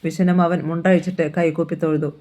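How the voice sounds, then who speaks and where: Male novel reader: steady, even narration, high flat voice. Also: fast. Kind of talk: scripted narration.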